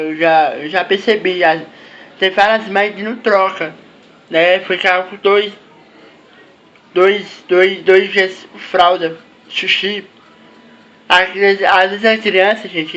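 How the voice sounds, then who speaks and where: In a casual vlog talking to camera, a man gives parents advice, repeating himself and ending phrases with little tags like "né?" and "tá?". His voice is high-pitched and sharp, and the highs are cut off.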